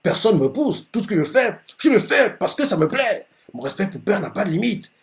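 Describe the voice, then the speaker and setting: A man's voice: sits high, very animated, brisk, pitched above the performer's own voice. Man voicing a haughty young wizard. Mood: fervent. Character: arrogant young male wizard, devoted to his father.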